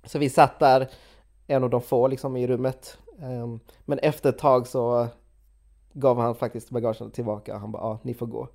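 Young woman, casual chat, animated retelling, quoted voices, fillers. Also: very deep voice.

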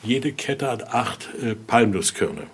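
A man acting as an exhibit guide and Voodoo expert gives an informal, halting explanation during a guided tour, often ending phrases with little questioning tags. His voice is medium-pitched and animated, with slight background noise.

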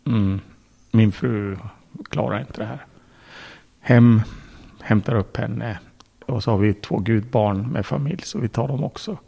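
A man's voice: lowish voice, dark tone. A man, a podcast guest, telling a story in casual speech, bluntly, with swearing and acted-out quotes. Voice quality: gravelly, husky.

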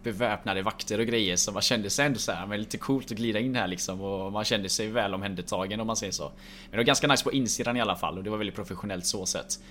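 A young man telling a travel story in a relaxed, rambling way, with many filler words. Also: lowish voice, a little hiss or hum. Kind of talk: casual storytelling chat.

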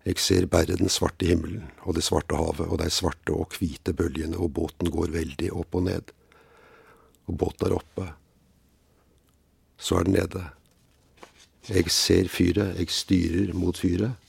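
An actor reading a lone man steering a boat at sea, desperate, in a slow, repetitive, incantatory way. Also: sits low, flat delivery, vocal fry, darkish tone, slightly rough, no echo, full character voice. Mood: anxious, searching. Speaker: actor reading a play excerpt. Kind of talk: dramatic reading.

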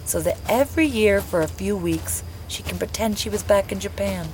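An actress playing an excitable, romantic wife, gushing and enthusiastic. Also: female voice, mid-range voice, normal speed, noisy background, lightly acted.

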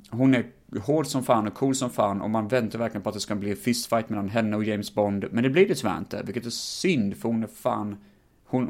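A man's voice: fairly low pitch, a little mellow. A man hosting a podcast, talking through a film in a casual, rambling way with many fillers and some swearing. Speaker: podcast host. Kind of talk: casual film review monologue.

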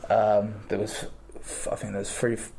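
A young man in his twenties speaks in a low, level voice with little rise and fall. He answers interview questions haltingly, pausing and filling gaps as he goes. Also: little pitch movement, gravelly, mellow. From England. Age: 20s. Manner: halting, with many pauses and fillers. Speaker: rugby player guest.

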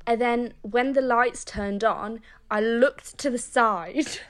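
A woman's voice: on the high side, fairly even intonation, slow. A young woman calling in to a podcast, sheepishly telling her problem in a casual way. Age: young adult. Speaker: caller. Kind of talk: recorded listener question.

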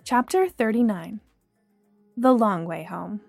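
A young woman reading a first-person story aloud in a measured, expressive way. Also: mid-range voice, vocal fry, faint music behind. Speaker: audiobook narrator.

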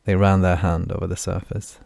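A man narrating a fantasy novel in an even, measured reading. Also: low voice, vocal fry, dry recording. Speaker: audiobook narrator.

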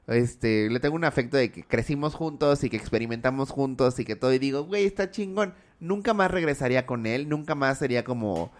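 A Mexican man tells a story on a podcast in a loose, dramatic way, full of slang and swearing. His voice sits at a middling pitch for a man, and he throws himself into every turn of the telling. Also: fairly quick, hardly any pauses. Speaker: podcast co-host. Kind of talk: casual chat, storytelling.

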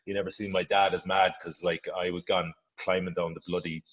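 A man with a west of Ireland accent telling personal stories in a reflective, halting, informal interview manner. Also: low voice, level tone, a bit bright. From Galway, west of Ireland. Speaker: adventurer guest. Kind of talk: conversational interview storytelling.

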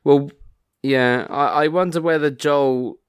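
A man co-hosting a podcast in casual chat, wry and quick to exclaim, often stammering as he restarts. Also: on the high side, fairly even intonation, clear, resonant tone, no echo, studio quality. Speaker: podcast co-host.

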